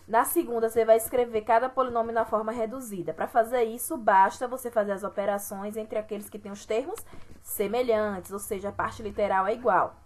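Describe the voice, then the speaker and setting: A woman's voice: mid-range voice, a little mellow. A woman math teacher with a Brazilian accent, walking students through an exercise sheet step by step and often checking in with "right?". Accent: Brazilian Portuguese. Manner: patient, repeats "certo?" and "né?" to check understanding. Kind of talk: recorded online lesson explaining an exercise sheet.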